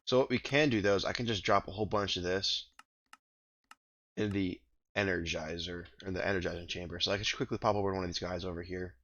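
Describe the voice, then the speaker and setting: In a low, slightly bright voice still heavy with morning grogginess, a let's-play host comments loosely on his own game, wandering in thought as he speaks.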